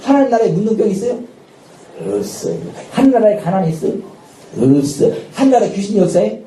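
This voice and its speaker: A male pastor preaching a sermon with lively energy, often shouting out dramatic lines and laughing. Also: high voice, fast talker. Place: church sanctuary at a Friday night service. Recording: echoey church hall, distant mic, faint noise.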